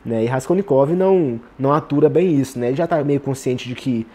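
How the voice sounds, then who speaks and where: A man's voice: medium pitch, brisk, warm tone, husky. A man with a Brazilian Portuguese accent giving casual literary commentary, tagging nearly every phrase with "né".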